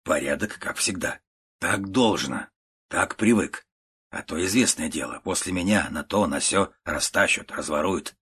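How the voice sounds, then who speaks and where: A man reading a storybook, voicing a calm, stern old uncle who talks in short clipped phrases. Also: low voice, unhurried, a little hiss or hum. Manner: clipped, curt phrases, quiet and level.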